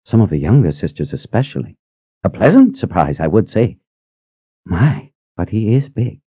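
A shy, giggly sister with slow, lingering words, as a man puts her on. Her voice is only a little higher than the narrator's. The sound is dry and slightly dull. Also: big pitch swings, breathy edge, no echo. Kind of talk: audiobook character voice.

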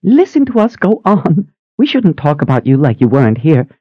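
A man voicing an excitable, bubbly woman, a religious sister, with a high, gushing and breathless manner. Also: normal speed, no room sound, highs cut off. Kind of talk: audiobook character voice.

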